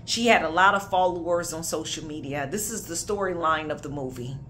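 A woman's voice: deep voice, a little fast, fairly bright tone, slight background noise. A woman, preaching a prophetic sermon with emphatic conviction and casual asides. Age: 30s. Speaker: minister.

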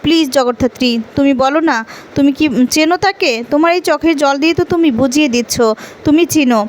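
Woman voicing an insistent adult son; high-pitched, repetitive questions. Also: quick pace, natural voice. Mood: pressing. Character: adult son pleading and pressing his family.

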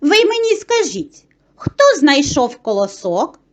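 A woman voicing a hardworking, cheerful male rooster in a children's tale, calling out brightly. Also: high voice, sing-song, slow pace, pitched above the performer's own voice, full character voice. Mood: reproachful. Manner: calling out brightly, then scolding.

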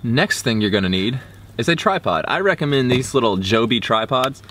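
A man's voice: medium pitch, animated, normal speed, fairly bright tone. A man in his twenties giving a casual, slangy product review to camera as a vlogger. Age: 20s. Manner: informal, slangy. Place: outdoors, backyard and woods. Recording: faint outdoor background noise.

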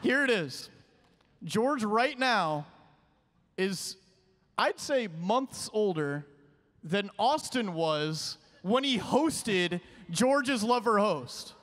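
A man in his twenties co-hosting a podcast live on a convention stage, teasing the guests in quick banter on a handheld mic. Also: high-pitched, very animated, fairly bright tone. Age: 20s. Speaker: podcast co-host. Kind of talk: casual chat on a live stage.

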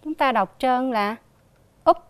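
Slow, clear woman teaching first graders. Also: a little high, no room sound. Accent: Southern Vietnamese. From southern Vietnam. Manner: spells out sounds with emphatic, drawn-out repetition. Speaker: primary school teacher. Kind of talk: slow, clearly enunciated reading lesson for young children. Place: recorded for a TV lesson.

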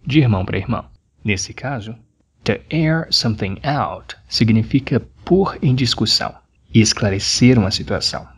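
Brief: male Brazilian English tutor, low husky voice, deliberate drilling delivery. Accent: Brazilian Portuguese. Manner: repeats English phrases slowly and carefully. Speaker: English teacher. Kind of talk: scripted language lesson.

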